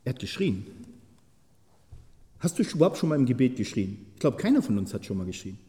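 A man preaching a sermon with passion, moving from quiet, searching questions to loud, pleading outbursts and putting questions straight to his listeners. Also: mid-range voice, sing-song, brisk. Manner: impassioned, swings from soft to loud shouting; asks the listeners many direct questions. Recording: long hall reverb.

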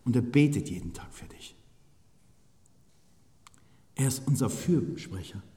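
A man preaching a sermon with fervor, speaking directly to his listeners and swinging between hushed and loud passages. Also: medium pitch, expressive, measured pace. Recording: long hall reverb.

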